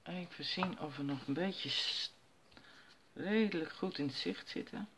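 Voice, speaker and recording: A woman's voice: on the low side, a little slow, background noise. A woman at home giving a casual crafting tutorial, chatting herself through each step as she works. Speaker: crafter demonstrating stamping. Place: at home while her children sleep.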